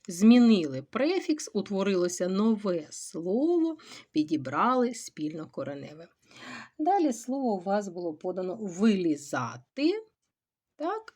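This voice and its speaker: Female teacher, mid pitch, animated intonation, walks through exercises aloud, stretches key syllables. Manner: thinks aloud, stretching and stressing word parts; checks in with rhetorical questions. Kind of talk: recorded grammar lesson walkthrough.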